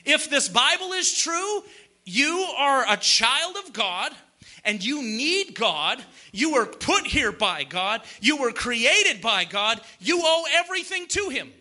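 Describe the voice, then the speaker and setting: A man's voice: extremely high pitch, sing-song, slow pace, bright, forceful tone. A man preaching a sermon in a conversational way, full of emphatic rhetorical questions and repeated phrases.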